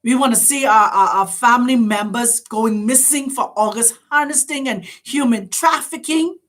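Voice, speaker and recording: A woman's voice: a little high, moderate pace, a bit bright. A woman hosting, giving an impassioned spiritual address full of rhetorical questions and urgent appeals to her listeners. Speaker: host.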